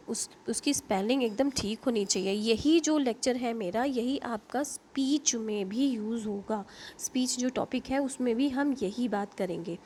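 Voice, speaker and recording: A woman's voice: medium pitch, darkish tone, slight background noise. An Indian woman teaching an online linguistics lecture, explaining terms with frequent fillers, self-corrections and checks like "okay?".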